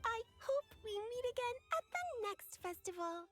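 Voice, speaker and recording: Dodoko, squeaky-high fluffy little creature. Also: very animated, moderate pace, fairly bright tone, faint music behind, exaggerated voice. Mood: joyful, grateful. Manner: exclamatory, flowery, effusively polite. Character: small fluffy cheerful childlike festival creature, sweet and grateful. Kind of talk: video game character dialogue.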